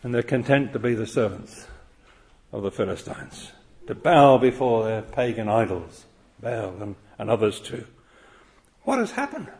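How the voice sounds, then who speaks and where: A man's voice: on the low side, moderate pace, a little mellow. A man preaching an expository sermon, earnest and full of rhetorical questions.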